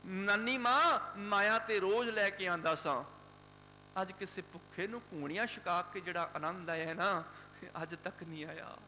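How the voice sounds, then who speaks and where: An earnest, tender-hearted young boy , as a preacher acts him out in a sermon, speaking with pleading emphasis. The voice is high and bright and rings in a large reverberant hall. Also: normal speed. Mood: joyful. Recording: hall reverb, faint hum.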